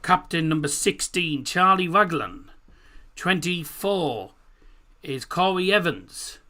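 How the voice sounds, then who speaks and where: A man's voice: fairly high pitch, lively intonation, sharp tone. A man hosting a football watchalong, announcing in an informal way, with a speech impediment that makes his r sound like w. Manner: informal, deliberate on names, swears mildly. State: has a cold. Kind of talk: live stream announcing, reading out team lineups.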